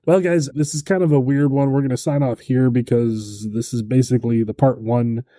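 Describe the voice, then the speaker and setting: A man co-hosting a tabletop game podcast, talking casually in a rambling, halting way with many restarts. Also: medium pitch, steady tone, warm tone, dry recording, studio quality. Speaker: podcast co-host.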